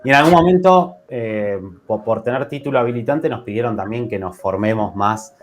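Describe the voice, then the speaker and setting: A man from Argentina with a Buenos Aires accent, speaking as a podcast guest in casual chat, halting and full of restarts and fillers. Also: medium pitch, soft background music. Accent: Buenos Aires Spanish.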